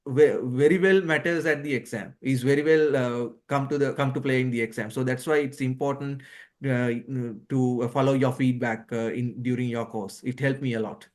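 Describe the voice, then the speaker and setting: A male doctor who passed a surgical exam answers questions as an interview guest, speaking English as a non-native language. His mid-range voice is steady and somewhat dark, at a moderate pace, and he hesitantly rephrases as he explains.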